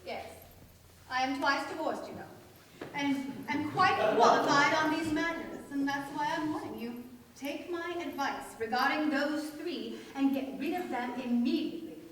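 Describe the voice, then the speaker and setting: Her voice sits high and a bit bright at a moderate pace as she declaims theatrically, sounding scornful. The woman is playing a man-hating, neurotic, bossy older cousin, a spinster-like divorcee busybody, in a staged radio play captured with distant mics in an echoey hall, faint noise audible.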